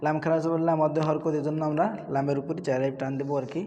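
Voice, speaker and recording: A man's voice: a little high, little pitch movement, mellow. Patient male Quran reading teacher, drilling. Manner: patient, repetitive, spells letters then chants words in a raised drawn-out voice. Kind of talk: spelling out and drilling Quran recitation. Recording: reverberant room with faint background noise.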